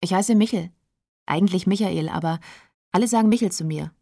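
A woman's voice: on the low side, a little fast, vocal fry, mellow, no echo, studio quality. A woman voicing a playful teenage boy. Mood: cheerful. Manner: bouncy, teasing. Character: cheerful fifteen-year-old boy, playful and easygoing.

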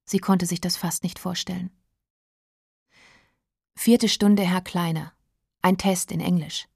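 A woman narrating a novel as an audiobook, calm and measured. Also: fairly low pitch, vocal fry, husky, no echo, studio quality.

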